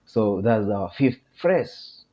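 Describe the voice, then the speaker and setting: A man with a Kenyan accent teaching a casual video lesson, chatty, laughing often and repeating phrases slowly. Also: on the low side, expressive, mellow.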